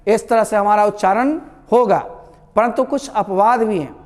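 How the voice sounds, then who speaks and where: A man teaching English pronunciation to his students, explaining slowly and repeating each word, calling them his children. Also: high-pitched. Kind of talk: classroom lesson. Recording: long reverb.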